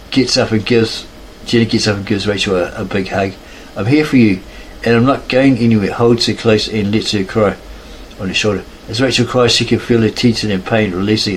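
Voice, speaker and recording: A man's voice: on the low side, a little hiss or hum, poor audio. A man casually narrating a fan story aloud, stumbling and correcting himself at times.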